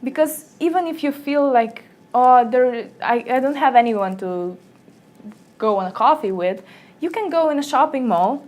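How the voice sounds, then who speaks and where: Chatty young woman with a Slovenian background. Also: moderate pace. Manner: lively storyteller, acts out quotes in a higher voice. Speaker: guest. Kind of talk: casual interview chat. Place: small office meeting room.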